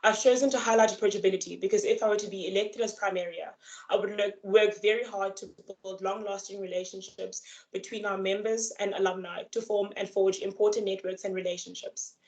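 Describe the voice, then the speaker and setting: A young woman who is a student candidate delivering a prepared campaign speech over a video call, earnest, measured and formal. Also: medium pitch, fairly even intonation, low-quality recording. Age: young adult.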